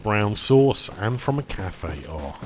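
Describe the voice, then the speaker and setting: This man's fairly low voice is very animated, though he takes things slowly, with a slight hiss or hum on the recording. It's casual live-stream chat: he eats while gaming, talks with his mouth full now and then, rambles, and refers to chat as "boys."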